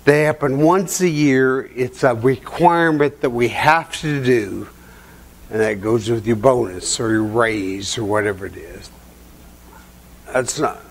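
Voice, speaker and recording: An older man giving a seminar talk in a hotel conference room, with a folksy storytelling manner, chuckling at his own stories. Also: mid-range voice. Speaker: seminar presenter.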